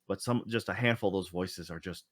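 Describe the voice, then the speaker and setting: In this casual podcast chat, the male co-host rambles, restarting often and using lots of fillers. He speaks fairly quickly in a low voice, captured with clean studio sound and no room sound.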